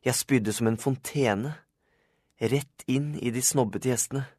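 A man's voice: medium pitch, a little mellow, husky, no echo, clean studio sound. Man narrating a children's audiobook. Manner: plain, storytelling. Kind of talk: scripted first-person narration.

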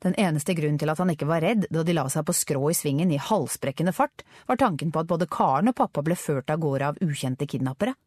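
Woman reading an audiobook, lively swings in pitch, slightly low, dry close sound. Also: few pauses, no echo. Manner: expressive storytelling. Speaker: audiobook narrator. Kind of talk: scripted narration.

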